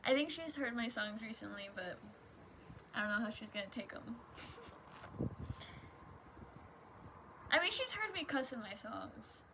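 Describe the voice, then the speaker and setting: Young stoner girl rambling casually, higher voice, real slow n giggly, drifts off, bit of noise behind her. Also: expressive. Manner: giggly, often breaking into laughter. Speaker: vlogger. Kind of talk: casual rambling solo chat.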